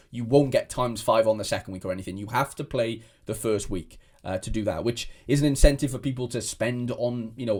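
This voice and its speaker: A rambling young man with Welsh as his first language makes fantasy football content, chatting casually to camera. He speaks at medium pitch with a darkish tone, often restarting and filling pauses.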